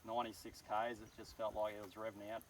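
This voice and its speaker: A man giving easygoing, halting answers in a casual outdoor interview. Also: on the low side, completely flat delivery. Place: outdoors in the countryside. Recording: distant mic with faint outdoor noise.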